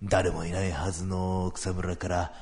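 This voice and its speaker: A man voicing a proud, solemn old retired samurai, telling a story slowly and gravely in traditional comic storytelling. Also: sits low, little pitch movement, darkish tone. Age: older.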